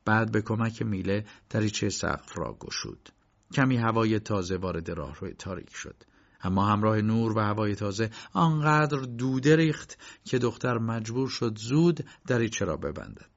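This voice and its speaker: Man, audiobook narrator, measured, gravelly, lo-fi recording. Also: on the low side. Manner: measured, steady storytelling. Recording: dull lo-fi recording.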